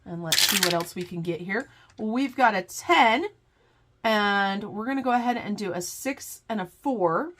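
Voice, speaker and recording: A woman's voice: medium pitch, animated, unhurried, a bit bright, slight background noise. A middle-aged woman hosting a casual budgeting vlog, congested from a cold, chatting to viewers as "you guys" while faint clicks sound behind her. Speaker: budgeting channel host.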